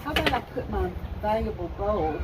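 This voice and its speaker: Speaking at a moderate pace with lively intonation, a woman in her fifties from the United States describes her thrift finds in a casual, rambling way full of restarts. Her pitch is medium, the setting is her home, and the background is noisy. She makes thrift haul videos.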